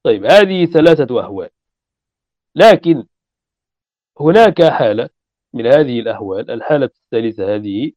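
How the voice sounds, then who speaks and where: Guy teaching a grammar class, goes step by step, repeats examples, mellow voice, kinda muffled lo-fi recording. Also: medium pitch, lively intonation, no echo. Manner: explains step by step, repeats key phrases and examples, asks rhetorical questions; chants verse lines slowly. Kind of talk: classroom lesson on Arabic morphology.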